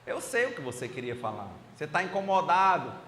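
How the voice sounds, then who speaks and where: Brief: a man voicing a serene old fakir, low and quiet, unhurried, with hall echo. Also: sing-song. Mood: calm. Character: calm wise male fakir, serene old holy man. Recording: echoey hall, faint noise.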